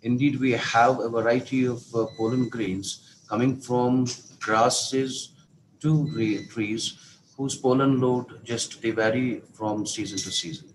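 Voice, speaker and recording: A man's voice: mid-range voice, fairly even intonation, slow pace, slight background noise, poor audio. A man moderating an online session over a video call, speaking politely and formally.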